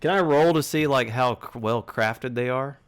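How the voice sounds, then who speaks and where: A man at a tabletop game who narrates what his character does. He sounds relaxed and playful. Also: medium pitch, moderate pace, clean tone. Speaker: player.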